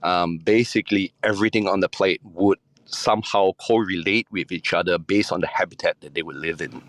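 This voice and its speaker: A Singaporean chef, appearing as a podcast guest, answers in a relaxed but hesitant way, full of ums and restarts. He has a deep voice and talks fairly quickly, with no room sound.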